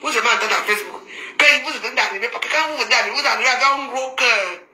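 A woman's voice: a little high, racing, bright, forceful tone. A woman doing a casual Facebook live, teasing and scolding with frequent laughter. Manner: teasing, mocking, laughs often, scolding asides. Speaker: social media commentator. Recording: roomy echo, faint background noise.

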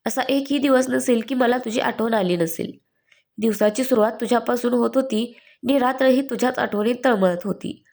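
A woman voicing a gentle, affectionate young man who coaxes in a soft pleading tone. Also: on the high side, moderate pace, creaky. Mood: coaxing. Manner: soft coaxing tone.

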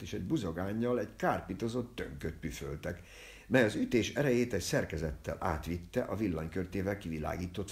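A man reading a literary novel aloud at home, voicing the characters' lines with raised, lively delivery. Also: low-pitched, vocal fry. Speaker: audiobook reader.

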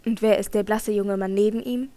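A woman's voice: mid-range voice, fairly even intonation, brisk, warm tone, dry recording, lightly acted. A woman reading the part of a mocking, sardonic middle-aged male opera director in an audiobook. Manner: mocking, dry.

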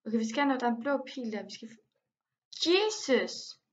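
A young woman giving casual gameplay commentary, excitable and quick to exclaim and complain, with English slang mixed in. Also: a little high, muffled recording. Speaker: gaming vlogger.

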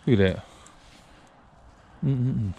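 A man from South Carolina, chatting excitedly and joking outdoors while hunting. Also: medium pitch, slightly rough, muffled recording. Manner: boisterous, joking, quick to laugh. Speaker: hunting vlogger. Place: outdoors in rural woods.

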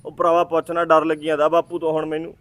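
A man playing a worried village youth who grumbles through his troubles to a friend. His voice is fairly high and sounds dry and close. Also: monotone, fast talker, fairly bright tone, no room sound, natural voice. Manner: worried, complaining storytelling.

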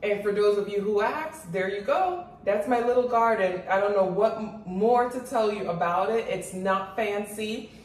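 Hardly pausing, a woman talks at normal speed in a medium-pitched, darkish voice, chatting casually to camera and calling her viewers "guys." As a cooking and gardening vlogger, she covers her patio garden and kitchen, first on an outdoor high-rise patio and then in her home kitchen. The recording is noisy and echoey, captured by a mic at a distance.

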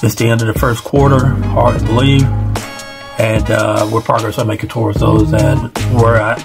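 Here the same kind of casual bedroom vlog plays out: a man in his forties, talking over music into a headset mic on a webcam call rig, rambling and running himself down with many fillers. His pitch is fairly low and stays fairly flat. He keeps a moderate pace.

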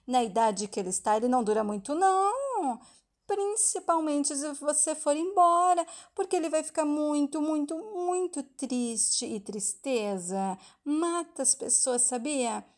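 A woman's voice: on the high side, moderate pace, few pauses, a little mellow, lightly acted. A woman with a Brazilian Portuguese accent reads a scheming woman's lines as she persuades a little boy, pressing her points with insistent, dramatic stress. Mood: coaxing.

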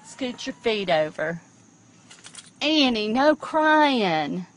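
A woman's voice: fairly high pitch, sing-song, very slow. A woman chatting casually in a coaxing, amused way, as someone soothing a teenager. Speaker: caregiver filming and soothing a teenager. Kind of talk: casual chat. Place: outdoors, then inside a car. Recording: faint noise, handheld phone recording.

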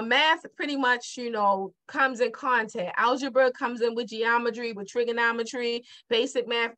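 Over a digital whiteboard, a middle-aged math teacher with a Baltimore accent covers multiplication in a casual, chatty style and asks the viewer her questions twice over. She has a bit of brightness and a voice that's a little high.

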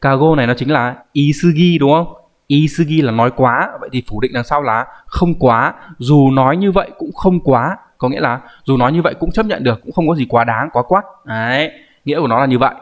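A male language teacher walks the viewer through a grammar point. His delivery is patient and explanatory, and he keeps pausing to check that the listener is following. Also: medium pitch. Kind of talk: online grammar lesson.

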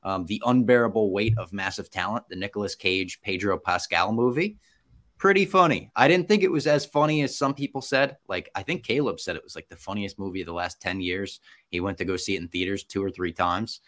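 A man's voice: on the low side, brisk, fairly bright tone. A young man hosting a podcast over a video call from home, giving chatty, filler-heavy movie reviews. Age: young adult. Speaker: podcast host. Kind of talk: casual podcast chat. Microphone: headset, video call.

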